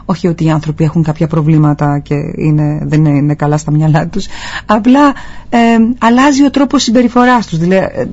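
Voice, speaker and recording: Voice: medium pitch, a little mellow. A guest on a talk show explaining posture and treatment, earnestly advising listeners. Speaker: guest physiotherapist. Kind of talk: explanatory interview answers. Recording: dull lo-fi sound.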